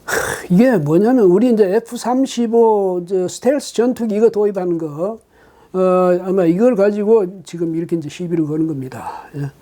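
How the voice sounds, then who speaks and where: A man's voice: high-pitched, normal speed, dark tone. A man hosting his own political commentary show, talking alone with emphatic rhetorical questions and frequent hesitant fillers.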